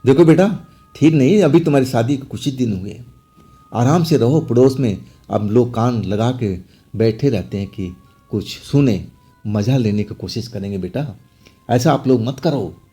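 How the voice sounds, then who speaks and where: A man voicing a worried older village mother who pleads and scolds in an anxious, hushed way in a horror story. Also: medium pitch, moderate pace, slightly rough, soft background music. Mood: pleading.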